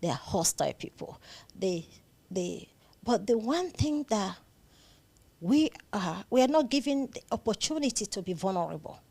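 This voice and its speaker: A psychiatric nurse practitioner with a Nigerian accent speaks as a guest in a conversational interview, earnest and emphatic, often repeating phrases for stress. Her voice is medium in pitch and very animated, with a dark tone and a breathy edge, at normal speed.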